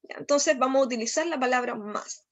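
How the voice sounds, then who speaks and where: Chilean woman, English teacher, high voice, keeps asking "¿ya?" as she explains, slows down on the English examples. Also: fairly bright tone. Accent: Chilean Spanish. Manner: explanatory, frequent "¿ya?" checks. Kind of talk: recorded online lesson.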